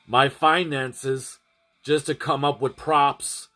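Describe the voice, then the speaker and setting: A man's voice: medium pitch, flat delivery, takes it slowly, bright, forceful tone, soft background music. A man chatting casually to his livestream audience, rambling and often restarting and repeating his phrases. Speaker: streamer.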